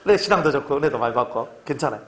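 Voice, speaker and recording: A middle-aged pastor preaches to his congregation in a lively, joking style, frequently seeking their agreement. His medium-pitched voice comes out in rapid-fire bursts.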